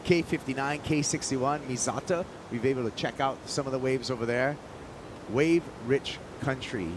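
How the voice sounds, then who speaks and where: A man's voice: mid-range voice, moderate pace, background noise. A man calling a live surf contest as an announcer, in a laid-back surfer manner with plenty of surf slang. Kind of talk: live sports commentary.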